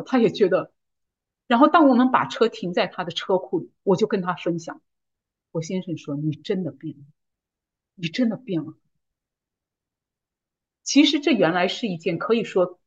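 Husky-voiced woman giving a testimony. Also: medium pitch, dull audio. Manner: earnest, builds to fervent declarations. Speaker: church member giving testimony.

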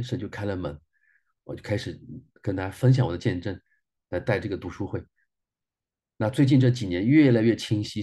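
A man's voice: on the low side, warm tone, slightly rough. A man in his forties, a minister, sharing a personal testimony sermon in an earnest way and repeating phrases for emphasis.

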